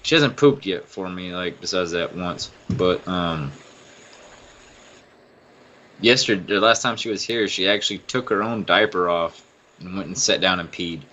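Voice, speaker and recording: A man co-hosting a podcast, telling stories in a profane, animated, casual way. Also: deep voice, moderate pace, a little hiss or hum. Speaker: podcast co-host. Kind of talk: casual chat, storytelling. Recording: dull lo-fi recording.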